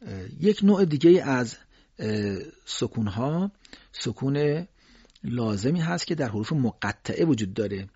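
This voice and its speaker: A man teaching Quranic recitation rules, explaining calmly and slowly chanting drawn-out examples. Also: medium pitch, slightly rough, no echo, dull audio. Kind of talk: tajwid lesson with chanted examples.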